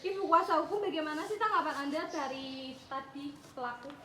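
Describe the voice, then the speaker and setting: A woman's voice: high-pitched, fairly quick, fairly bright tone. A woman playing a persistent reporter in a parody news interview, putting questions to guests. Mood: insistent. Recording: noisy, echoey, distant mic.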